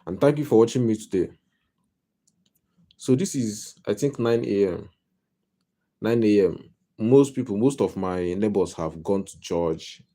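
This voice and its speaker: Speaking from home, a man with a Nigerian accent and a lowish, dark-toned voice rambles through a casual live-stream monologue as a life coach. He repeats himself often, with a wry sense of humor.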